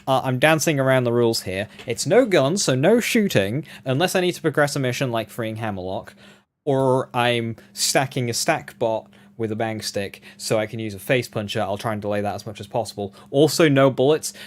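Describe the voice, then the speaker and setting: A man giving casual, chatty live gameplay commentary, talking straight to his viewers. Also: mid-range voice. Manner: chatty, addresses viewers directly. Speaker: game streamer.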